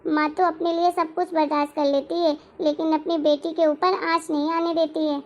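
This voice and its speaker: A woman voicing a gentle, reassuring young mother-to-be in an animated family story. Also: extremely high pitch, normal speed. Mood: tender. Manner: soft, reassuring. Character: gentle expectant young aunt, hopeful for a daughter.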